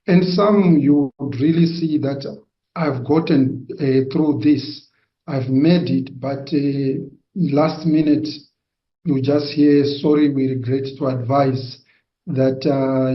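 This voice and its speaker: A man from Zimbabwe giving a personal testimony, slow and hesitant, with many pauses and fillers. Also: medium pitch. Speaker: testimony giver. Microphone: video call. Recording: echoey, dull lo-fi sound.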